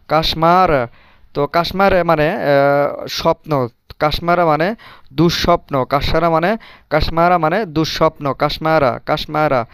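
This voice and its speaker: A young man from Bangladesh, teaching a language lesson, repeating each word slowly with many hesitations. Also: fairly high pitch, clear, resonant tone, no echo, studio quality. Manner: slow, repetitive drilling of words with many hesitations.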